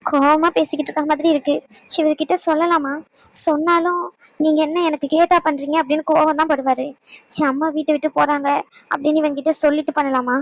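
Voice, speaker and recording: A woman's voice: sits high, steady tone, quick pace, no echo. An actress playing an anxious young wife who pleads and apologises to her husband. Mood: worried. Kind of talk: Tamil family drama acting.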